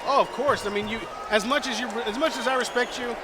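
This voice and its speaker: A man working as a lucha libre announcer on color commentary, animated as he explains and reacts to the action. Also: very high-pitched, fast. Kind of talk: live wrestling color commentary. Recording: noisy arena crowd behind commentary. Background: wrestling crowd and ring slams.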